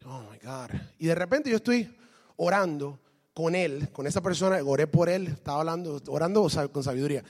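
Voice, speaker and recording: A man preaching a sermon, lively, switching between Spanish and English and asking the congregation questions. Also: on the high side, a little fast, in a large hall. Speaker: pastor.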